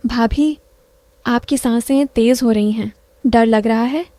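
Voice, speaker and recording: A lovestruck young man, as a woman reader puts him on in a spoken story, soft and coaxing. The voice sits fairly high and mellow. The sound is close and dry, with no room around it. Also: fairly even intonation, takes it slowly, dry recording. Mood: teasing.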